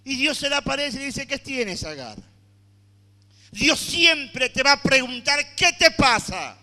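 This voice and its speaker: Male preacher, dramatic sermon delivery that swings loud to soft, tense bright tone, long hall reverb. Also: extremely high pitch, normal speed. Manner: addresses the congregation directly. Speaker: pastor. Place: church hall with congregation.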